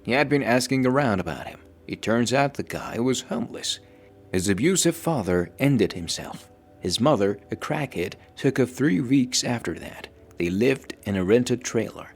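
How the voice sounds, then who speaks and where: A man reading a scripted story aloud as narrator, in a steady, measured storytelling delivery. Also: mid-range voice, soft background music.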